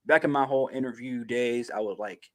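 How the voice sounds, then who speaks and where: A man chats laid-back on a podcast at a middling pitch, and he swears easily as he recounts what he watched. His delivery stays relaxed and conversational. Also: fairly quick. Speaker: podcast co-host. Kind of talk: casual chat.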